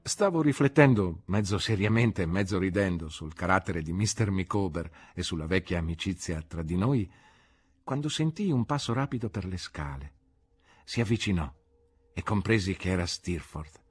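Brief: male narrator for a literary audiobook, low, slightly husky, animated delivery. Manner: expressive, measured storytelling.

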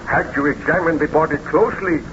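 An actor playing a remorseful, commanding baron in a 1930s radio drama, with formal, theatrical delivery. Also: male voice, a little high, a little fast, lightly acted. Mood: insistent. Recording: muffled, noisy 1930s radio recording.

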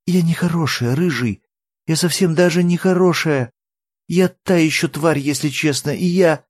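A man's voice: moderate pace, no room sound, studio quality, natural voice. A man reading an audiobook, voicing a tearful young woman who pleads and blames herself. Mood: self-reproaching. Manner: high, pleading, breaking into sobs.

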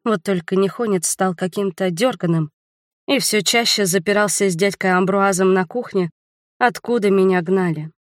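A woman reading a novel aloud in the first person, with lively, expressive storytelling. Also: mid-range voice, moderate pace, dry recording, studio quality, faint music behind. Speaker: audiobook narrator. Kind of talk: scripted first-person narration.

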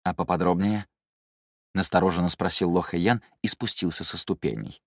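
A man reading an audiobook in an even, measured way. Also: deep voice, gravelly, husky, dry recording, clean studio sound. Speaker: narrator. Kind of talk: audiobook narration.

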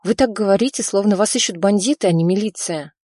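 A woman's voice: medium pitch, quick pace, dark tone, no room sound, studio quality, natural voice. A woman reading the part of a tall, cautious but kind young woman who questions her guest. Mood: questioning. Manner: questioning, surprised.

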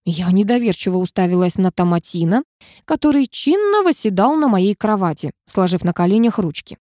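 Expressive woman narrating an audiobook. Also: mid-range voice, fairly quick, no room sound, studio quality. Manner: lively, expressive storytelling. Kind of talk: first-person audiobook narration.

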